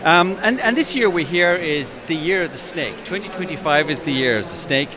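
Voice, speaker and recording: Friendly male podcast host, higher voice. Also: expressive, fairly quick, crowd noise. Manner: friendly, asks short prompting questions. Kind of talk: casual interview. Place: busy exhibition hall stand.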